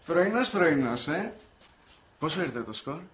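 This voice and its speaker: A man's voice: fairly high pitch, very animated, slight background noise. An actor playing a cheeky freeloading young man who pleads not to be thrown out in a sitcom. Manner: wheedling, pleading. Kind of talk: sitcom acting.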